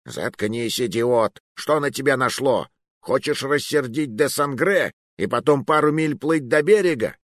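Dismissive portly sidekick voiced by a man, blunt, lively audiobook delivery, dry recording. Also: mid-range voice, measured pace, dry recording, pitched above the performer's own voice. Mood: scolding. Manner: brushing off worries, scolding. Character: fat easygoing male companion, dismissive and blunt.

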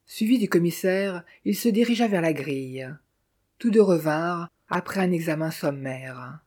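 A narrator reading a detective novel aloud in an even, measured way. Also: mid-range voice. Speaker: audiobook narrator.

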